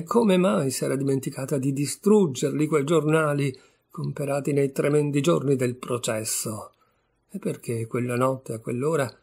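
A man reads a classic short story aloud, measured and expressive. His voice is mid-pitched with a gravelly texture and a husky, slightly rough edge. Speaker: audiobook narrator. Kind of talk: literary audiobook narration.

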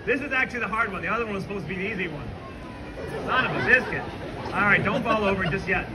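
High-pitched male street performer amid loud crowd. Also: quick pace. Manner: joking, sardonic asides. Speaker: street show performer and host. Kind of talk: live comedy trick show patter to an audience. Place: outdoor fair show ground, filmed from the crowd. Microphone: camera in the audience, at a distance. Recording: outdoor crowd noise, recorded from the audience.

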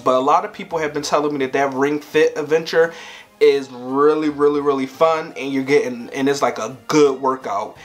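A young man in his twenties chatting playfully to camera at home, laughing often. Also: mid-range voice. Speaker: vlogger. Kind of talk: casual chat to camera.

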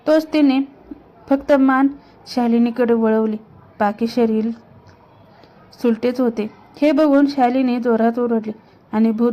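A woman storyteller narrating a ghost story in a steady, suspenseful way. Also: a little high. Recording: dull lo-fi recording.

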